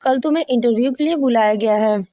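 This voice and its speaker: Woman voicing a cheerful young husband, gentle, smiling tone. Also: a little high, quick pace, dry recording, clean studio sound, lightly acted.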